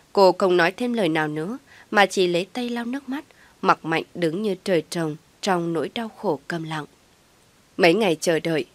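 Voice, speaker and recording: A woman's voice: fairly low pitch, no room sound. A woman narrating a dramatic family story as a storyteller, reading steadily and expressively.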